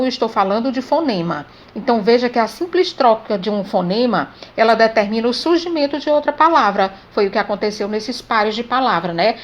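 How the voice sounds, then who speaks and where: A woman with a Brazilian Portuguese accent gives a grammar lesson, speaking slowly and deliberately as she spells sounds out letter by letter. Her voice sits a little high.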